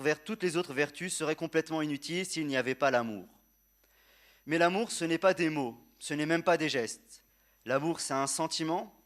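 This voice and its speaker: A man delivers a prepared funeral eulogy addressed to the deceased, in solemn, measured and tender oratory with repeated phrases and quiet grief. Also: fairly high pitch.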